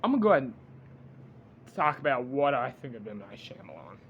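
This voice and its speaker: A man giving an unscripted movie review rant, halting and blunt, with frequent restarts. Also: mid-range voice, very animated, breathy edge, muffled recording.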